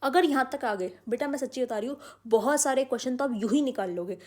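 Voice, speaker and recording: A woman with a high-pitched voice speaks quickly as a commerce tutor teaching an online exam-prep lecture. She talks emphatically, mixes in English terms and calls her students "beta".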